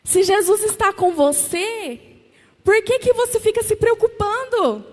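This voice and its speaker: A woman with a Brazilian Portuguese accent preaches a sermon in a church, her very high voice animated but measured in pace. She fires emphatic, repeated questions at the congregation, and the recording carries long church reverb.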